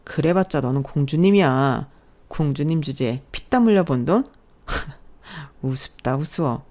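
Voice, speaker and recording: A woman's voice: low voice, lively intonation, moderate pace, dark tone. A woman voicing an arrogant young man who is being exposed as a fraud, talking in a scornful, defensive way.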